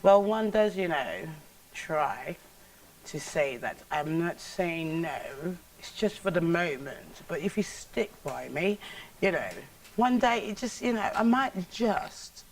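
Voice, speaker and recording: Woman doing a posh, prim English lady, measured and soft-spoken. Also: fairly low pitch, animated, recorded from a distance, slight background noise. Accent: upper-class English.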